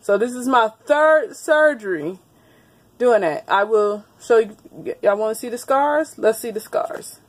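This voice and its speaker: Woman, 30s, casual vlogger; chatty, laughs a lot, a bit higher voice, phone-camera sound in a small room. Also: unhurried. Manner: chatty, laughs often, talks straight to viewers. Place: small indoor room with wood panelling. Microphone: phone camera held close.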